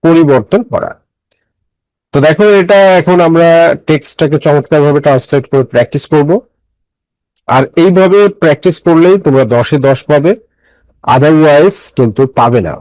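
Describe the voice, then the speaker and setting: Male grammar teacher, fairly high voice, dry close mic. Methodical, repeats and quizzes the class. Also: moderate pace, darkish tone, dry recording, rough recording. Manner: explains step by step, repeats phrases and quizzes listeners; mixes English phrases into his speech. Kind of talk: classroom lecture.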